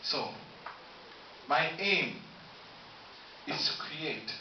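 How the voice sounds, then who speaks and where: A man's voice: fairly high pitch, expressive, distant mic. Tanzanian man, student candidate speech, formal listing delivery, picked up from across a very echoey room with a dull hissy sound. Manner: formal, listing points, slow halting delivery. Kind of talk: campaign speech. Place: university room. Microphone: camera from afar, no mic.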